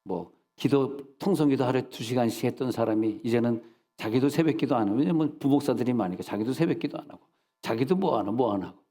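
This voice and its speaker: A middle-aged man preaching in a church service, telling animated stories and scolding with mock insults. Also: mid-range voice, fast talker. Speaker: senior pastor. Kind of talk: sermon. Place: church sanctuary. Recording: long reverb of a church hall.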